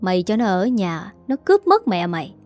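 A woman's voice: mid-range voice, very animated, fairly quick, a little mellow, soft background music. A woman voicing a cruel young village boy who jeers and taunts, in a storybook reading. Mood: mocking. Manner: jeering, taunting.

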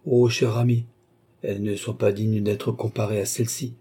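A man reading an audiobook, voicing a gentle, devoted young noble lady in a softly lifted voice. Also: on the low side, flat delivery, normal speed, slightly rough. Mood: tender.

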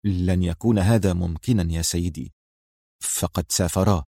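A nervous male office manager speaks low and haltingly, voiced by a male narrator. He sounds embarrassed, stalling before every bad answer. The recording is dry, with no room sound. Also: steady tone, dark tone, no room sound. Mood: hesitant. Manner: hesitant, clears his throat.

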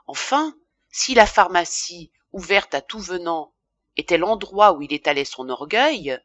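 Bright-voiced woman reading a novel aloud. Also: lowish voice, no room sound. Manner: measured, expressive literary reading. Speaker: audiobook reader. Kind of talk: scripted narration.

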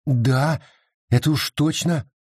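A man's voice: on the high side, steady tone, slow pace, husky, dry recording, clean studio sound. Man doing a frantic young settler woman. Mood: wary. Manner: pleading, rising to frantic shouts.

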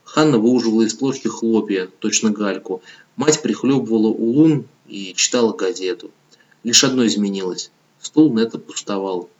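A man reading an audiobook novel in calm, measured scripted narration, on a dull lo-fi recording. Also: fairly low pitch.

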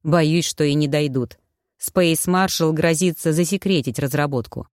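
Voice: medium pitch, normal speed, darkish tone, no echo, clean studio sound, close to an everyday voice. A reader voicing a smug, self-satisfied male cyborg inventor who lectures the others, in an audiobook. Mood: lecturing. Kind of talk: audiobook reading.

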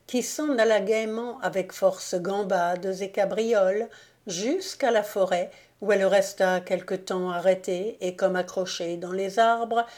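Slow, measured woman audiobook reader. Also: mid-range voice, darkish tone. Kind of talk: audiobook narration.

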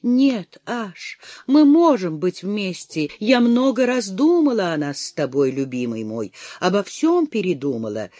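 A passionate, jealous young woman pleads with her lover in an audiobook, voiced by its reader. Her lines rise and fall in a lively way, emotional and close to tears. The recording is dry, with no room echo. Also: mid-range voice, measured pace, few pauses. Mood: pleading. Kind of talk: audiobook character voice.

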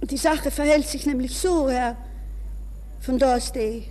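A high, warm female voice at a measured pace, in a hissy, reverberant 1960s radio recording. She is an actress in 1960s radio-drama style playing an anxious, proud young woman who pleads nervously. Her delivery is breathless and jittery, moving between polite speech and inner thoughts.

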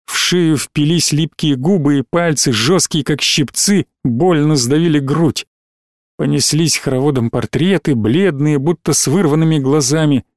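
A man narrating an audiobook in a steady, dramatic reading style. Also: fairly high pitch, moderate pace, no room sound, clean studio sound.

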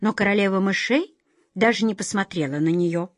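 A woman narrating a children's fairy tale with expressive storybook reading. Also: mid-range voice, brisk, no room sound.

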